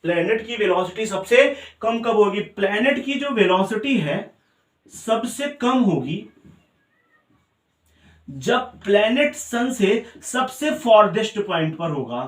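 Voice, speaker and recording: A man teaching a physics lesson, repeating each point and quizzing his students. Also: high-pitched. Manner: mixes Hindi with English terms. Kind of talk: classroom lecture. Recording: roomy sound, mic set far off.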